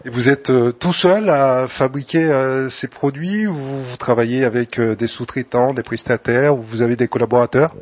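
A male interviewer puts his questions with frequent pauses and fillers. His voice is of ordinary pitch, and it is recorded dry and close. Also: no room sound. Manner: hesitant, frequent "euh" fillers.

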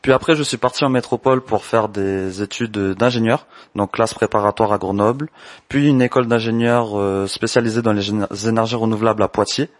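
A man in his twenties from French Guiana, answering interview questions about his business in a measured, explanatory way. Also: on the low side, fairly even intonation, dry recording. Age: 20s. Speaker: entrepreneur, candle maker.

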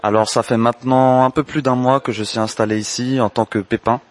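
A man in his twenties from French Guiana, answering interview questions about his business in a measured, explanatory way. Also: mid-range voice, steady tone. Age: 20s. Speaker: entrepreneur, candle maker.

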